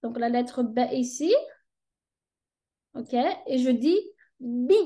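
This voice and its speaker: A woman's voice: a little high, slow, mellow. A woman teaching a tutorial lesson on reading letters, patiently checking in with "ok?" as she goes. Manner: patient, checks understanding with frequent "ok?".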